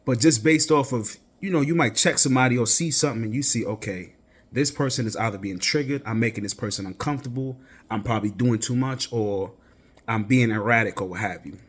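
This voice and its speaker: A man's voice: medium pitch, fast talker, husky. A young man hosting his own podcast, talking casually and reflectively, rambling with restarts and frequent "right?". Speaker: podcast host. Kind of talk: casual solo podcast talk.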